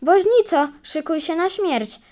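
A woman reading a folk tale aloud, voicing a vengeful male sparrow who taunts and threatens with shrill calls. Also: very animated, moderate pace, a little mellow. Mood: menacing.

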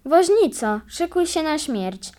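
A vengeful little sparrow in a storybook tale, sharp and taunting, flinging threats in a raised, somewhat high voice, as a woman reader puts him on. he calls out his warnings loudly, like a small bird that will not let a grudge go. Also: big pitch swings, normal speed. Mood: menacing.

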